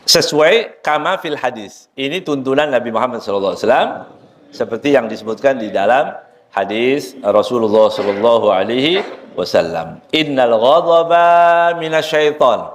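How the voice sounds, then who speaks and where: A man, an ustadz, giving a sermon at a book study in a prayer room. He recites Arabic lines and then explains them, and he jokes with the listeners as he goes. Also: brisk. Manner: joking, lively swings in pitch, quotes Arabic then explains.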